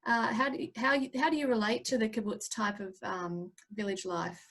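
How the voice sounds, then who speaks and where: A woman hosting an online talk, moderating briskly and relaying questions from the audience. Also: mid-range voice, steady tone, a bit bright. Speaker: host. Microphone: video call.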